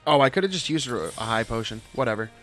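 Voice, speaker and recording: Animated man commentating on a game. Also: medium pitch, fast, faint music behind. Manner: self-deprecating, thinks out loud. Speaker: gaming video host. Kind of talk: casual playthrough commentary, reading tutorials aloud.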